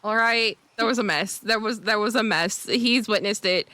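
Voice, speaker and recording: A woman's voice: mid-range voice, moderate pace, bright, forceful tone, no echo. A woman chatting in character on a roleplay server, giggling often and stumbling over her restarts. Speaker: roleplay server player and channel host.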